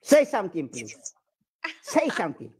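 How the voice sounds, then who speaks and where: A man's voice: high voice, wildly swooping pitch, moderate pace, husky. A man with an Eritrean accent speaking broken English, playfully flirting and boasting as a comedian on a video chat. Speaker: comedian prank-chatting.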